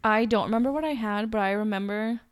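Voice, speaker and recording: A woman with vocal fry, bantering casually as a podcast co-host in a wry way, saying "like" a lot. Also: medium pitch, fast, no room sound, clean studio sound. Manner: wry, hedging with lots of "like".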